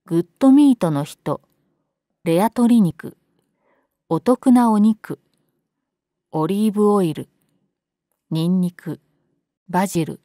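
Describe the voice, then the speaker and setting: A woman's voice: mid-range voice, lively intonation, takes it slowly, pauses often, mellow, no room sound, studio quality. A woman reading a scary story aloud as scripted narration.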